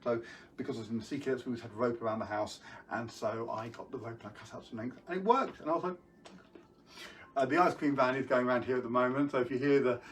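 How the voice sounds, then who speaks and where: A man's voice: medium pitch, recorded from a distance. A man hosting a live online magic show from home, chatting casually and greeting viewers by name. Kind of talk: casual live-stream chat.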